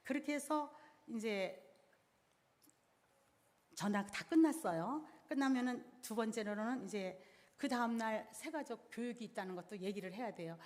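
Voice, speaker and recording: A woman's voice: fairly high pitch, normal speed, long pauses. A middle-aged woman giving a church seminar, explaining each step plainly and in order. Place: church hall. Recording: reverberant hall sound.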